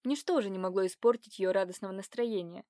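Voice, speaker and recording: A woman's voice: mid-range voice, no echo. Woman narrating a novel in a dry booth. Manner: even, measured reading. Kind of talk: reading a romance novel aloud. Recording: dry close recording.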